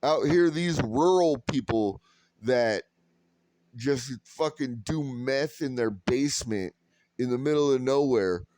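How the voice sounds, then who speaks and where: A man's voice: medium pitch, darkish tone, no echo. A man from California telling a story in a sarcastic, profane, rambling way. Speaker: vlogger. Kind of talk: casual storytelling rant.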